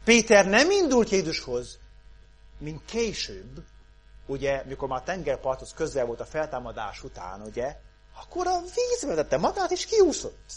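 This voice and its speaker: A man preaching a sermon, moving from loud calls down to hushed pleas. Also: fairly high pitch, wildly swooping pitch. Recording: mains hum underneath.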